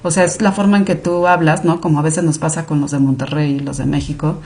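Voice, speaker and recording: In a relaxed podcast interview, a Mexican woman who is a clinical monitoring director talks fast and animatedly in Mexican Spanish, dropping frequent fillers. Her voice is low and darkish, with fairly even intonation.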